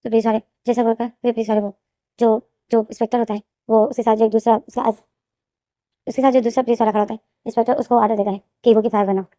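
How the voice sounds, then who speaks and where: A woman's voice: on the high side, little pitch movement, racing, warm tone, no room sound, studio quality. A woman retelling her own fan fiction story in a rambling way, often restarting and repeating names.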